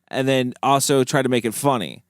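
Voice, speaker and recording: Man, upbeat, host leading the talk, clear voice. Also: mid-range voice, brisk, dry recording, studio quality. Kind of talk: casual film review chat.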